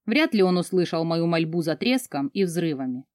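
A woman's voice: fairly low pitch, expressive, normal speed, a little mellow, no room sound, studio quality. Woman narrating a novel dramatically. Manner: dramatic, emotional first-person reading. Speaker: audiobook narrator. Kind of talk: first-person novel narration.

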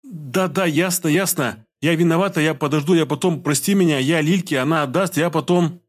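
A woman's voice: deep voice, a little fast, pitched above the performer's own voice. A man voicing a frightened young wife of a gang boss, gabbling in broken, pleading bursts. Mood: groveling.

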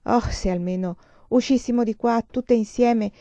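A woman's voice: fairly high pitch, moderate pace, mellow, no room sound, voice pushed up, natural voice. A woman reader voicing a dreamy, pensive young woman student in an audiobook, on a slightly dull lo-fi recording. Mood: wistful. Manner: pensive, yearning.

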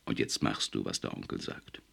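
A man voicing a proud mother who speaks with a sharp, stern edge. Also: very deep voice, very animated, a little fast, vocal fry, breathy edge, exaggerated voice. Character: proud, sharp-tongued working-class mother.

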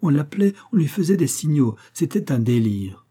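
Guy narrating an old adventure novel, dark mellow voice, a bit husky, gets loud and dramatic on the shouts. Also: a little high, big pitch swings, normal speed. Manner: dramatic reading, raises voice for shouted lines. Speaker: audiobook narrator. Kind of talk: scripted narration of a classic novel.

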